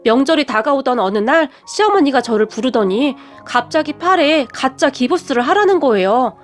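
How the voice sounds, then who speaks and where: A woman's voice: high-pitched, expressive, normal speed, faint music behind. A woman narrating a family story in a polite, conversational tone. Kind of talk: scripted narration.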